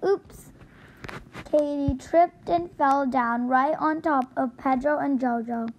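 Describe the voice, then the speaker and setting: A woman's voice: high-pitched, unhurried, a little hiss or hum, low-quality recording. A woman reading a children's book aloud, carefully, with occasional slips and restarts. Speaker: storybook reader.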